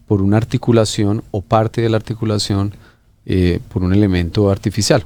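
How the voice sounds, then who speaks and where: A middle-aged Colombian orthopedic surgeon explains treatments in an interview. His voice is deep, gravelly and mellow. He sounds hesitant, pausing often and using lots of fillers and restarts.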